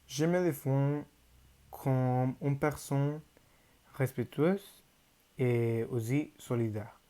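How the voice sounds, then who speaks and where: A teenage boy from Mexico, a native Spanish speaker with a Mexican Spanish accent, reads a prepared class presentation in a careful, halting way typical of a learner. The high school student's voice is mid-range and warm.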